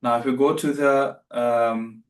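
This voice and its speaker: A man's voice: medium pitch, fairly even intonation, a little slow, reverberant, distant mic. A man teaching beginner Arabic in a live online class, patient and repeating himself as he corrects students.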